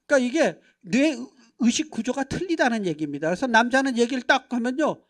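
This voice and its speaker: Animated middle-aged man preaching to a congregation. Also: very high voice, quick pace. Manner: animated, acts out dialogues, constant rhetorical check-ins; swings from hushed asides to loud bursts. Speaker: pastor. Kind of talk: lively church seminar talk. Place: church sanctuary.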